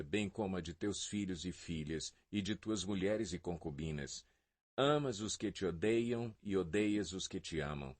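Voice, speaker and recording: A man reading the lines of a stern army commander who rebukes his king, in a Bible audio reading. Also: sits low. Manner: forceful rebuke.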